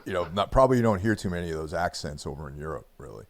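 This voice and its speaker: A man hosting a podcast in an easygoing, casual way. His voice is very low, and he talks in an unhurried, relaxed manner. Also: crowd noise. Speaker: podcast host. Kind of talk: casual chat.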